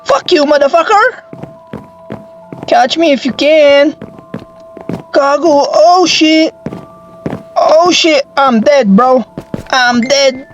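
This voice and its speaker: Filipino accent, woman, higher voice, jumpy, swearing, horror let's play commentary, muffled lo-fi recording. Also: drawn-out words, pauses often. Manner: jumpy, swears a lot, yelps and shrieks at scares; mixes Tagalog with English, calls viewers "boy". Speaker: gaming YouTuber. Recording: slightly dull lo-fi sound, faint game music.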